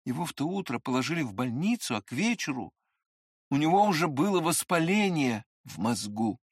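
A reader narrating a classic novel in expressive, scripted audiobook style. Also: mid-range voice, fairly quick, husky, no echo, studio quality.

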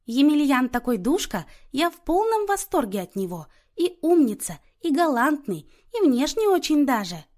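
A woman doing a loud, bossy scolding mother. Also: high-pitched, very animated, brisk, pitched above the performer's own voice. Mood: indignant. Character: bossy nosy middle-aged mother, blunt and scolding. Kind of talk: audiobook character voice.

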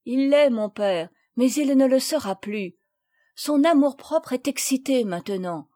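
A woman's voice: sits high, a little slow. A woman reading the part of an affectionate young son, speaking eagerly with rising, exclaiming phrases. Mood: earnest. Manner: excited, breathless, exclaiming.

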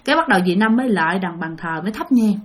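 A woman with a mid-range voice narrates a ghost story aloud, very animated and very fast. She keeps it chatty and speaks directly to her listeners.

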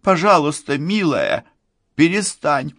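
An anxious middle-aged mother, pleading and tearful, as a male reader puts her on. Her voice is lifted high above his own. It is recorded close and dry for an audiobook. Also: animated, takes it slowly, fairly bright tone, no room sound, exaggerated voice.

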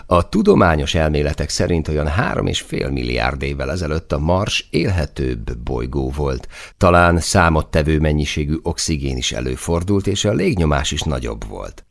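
A man voicing a thoughtful male soldier who explains things calmly. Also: very deep voice, gravelly, heavily acted. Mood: explaining. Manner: explanatory, measured.

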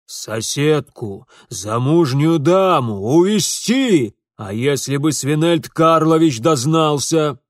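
A man's voice: a little high, lively intonation, slow pace, hardly any pauses, dry recording, clean studio sound. A man doing a bellowing, enraged portly father. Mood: furious. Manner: bellowing, furious and blustering. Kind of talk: audiobook character voice.

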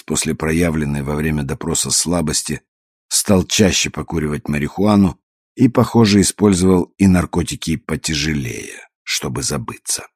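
A man narrating an audiobook in a calm, measured storytelling manner. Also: rumbling low, breathy edge, no echo, clean studio sound. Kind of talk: scripted narration.

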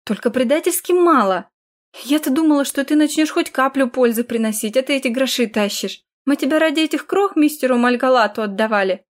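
A woman voicing a haggard, greedy mother in an audiobook, scolding harshly and dragging out her shouts. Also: fairly high pitch, animated, brisk, few pauses, close to an everyday voice.

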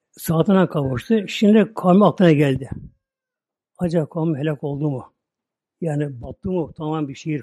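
Man, Turkish accent, preacher, rapid delivery, dark husky voice. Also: on the high side. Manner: retells a story with constant repetition of filler words. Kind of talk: religious storytelling talk.

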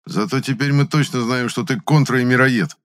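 A man voicing a brash young male squad leader who talks in sharp, mocking, commanding bursts. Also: mid-range voice, fairly even intonation, moderate pace, pitched above the performer's own voice, natural voice.

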